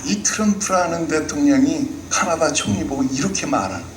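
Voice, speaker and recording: A male pastor delivers a sermon and keeps asking his congregation questions. His voice sits a little high. The sound is roomy, with faint noise from the sanctuary behind him. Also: moderate pace. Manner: acts out the scripture figures, asks the congregation questions. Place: church sanctuary.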